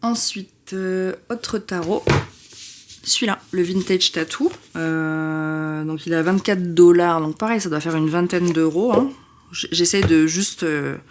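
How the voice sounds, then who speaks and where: A young woman with a somewhat low voice chats casually and excitably, interrupting herself and filling gaps with hesitations. A faint noise floor sits under the recording. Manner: chatty, excitable, self-interrupting with many fillers. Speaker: tarot vlogger. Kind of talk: casual chat.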